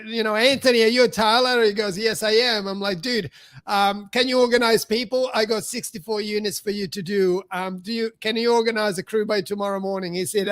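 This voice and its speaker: High-voiced chatty man telling a story. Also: dry recording. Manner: chatty, heavy on fillers, acts out quoted dialogue. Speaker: podcast host. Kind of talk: casual storytelling chat.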